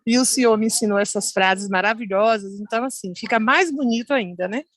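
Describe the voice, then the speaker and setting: A woman's voice: on the high side, brisk, no echo. A Brazilian woman telling a heartfelt church testimony to her pastor, acting out the people she quotes. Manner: animated storytelling, voicing the people she quotes. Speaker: church member sharing a testimony. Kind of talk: emotional testimony on a call. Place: at home.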